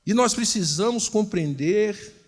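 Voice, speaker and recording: A Brazilian pastor with a high-pitched voice preaches as a lively storyteller, acting out each exchange as he goes. The long reverb of a large church hall rings around him. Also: measured pace. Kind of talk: storytelling sermon.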